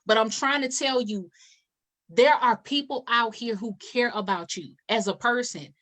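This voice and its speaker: A woman hosting a casual interview with an emphatic, preachy delivery. Her voice sits a little high, and she drives each point home by repeating it. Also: a little slow, bright, forceful tone. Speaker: interview host. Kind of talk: casual chat.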